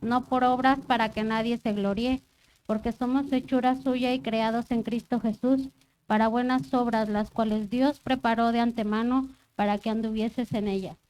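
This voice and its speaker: Woman reading scripture, higher voice. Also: steady tone, moderate pace, a little mellow, low-quality recording. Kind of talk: reading a Bible passage aloud.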